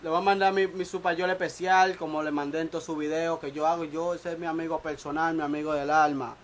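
A man's voice: on the high side, level tone, fairly quick, a little hiss or hum, rough recording. A man who is a music producer, chatting casually and jokingly in a small recording studio, picked up by a camera mic. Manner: boastful, joking, slangy.

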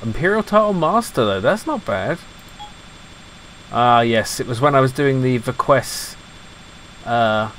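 A man's voice: mid-range voice, a bit bright, a little hiss or hum. A middle-aged man hosting a retro computing video, muttering casually and mocking himself as he explores old files. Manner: muttering, self-deprecating, quick to laugh. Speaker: retro computing channel host.

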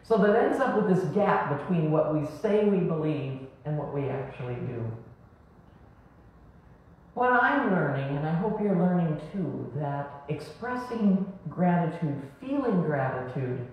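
Woman, middle-aged, pastor, sermon, unhurried delivery, distant mic, muffled sound. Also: low voice, very animated. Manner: slow, measured preaching with rising and falling emphasis. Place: small church sanctuary, indoors. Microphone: far camera. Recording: echoey church from far off, dull sound.

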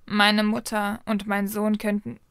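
A woman voicing a proud, bitter young man who speaks in a slow, clipped, scornful way. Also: mid-range voice, completely flat delivery, fairly bright tone, clean tone, no echo, studio quality. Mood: cold, scornful.

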